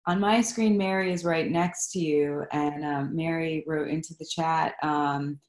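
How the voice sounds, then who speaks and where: A woman's voice: low voice, steady tone, a little slow, darkish tone, reverberant. A woman hosting an online event, speaking hesitantly with many fillers. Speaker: event host. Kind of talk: closing thanks.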